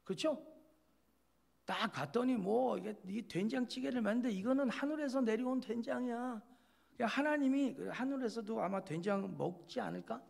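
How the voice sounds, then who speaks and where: A man's voice: very high-pitched, normal speed, vocal fry, darkish tone. A male pastor giving a chatty, joking sermon, speaking straight to his listeners and acting out little quoted scenes.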